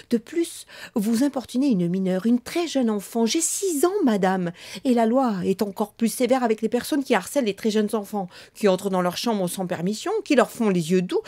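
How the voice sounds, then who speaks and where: A woman's voice: medium pitch, warm tone. A woman voicing a cool, bossy six-year-old girl who scolds and lectures an adult in a storybook reading. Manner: curt, scolding, rapid when lecturing.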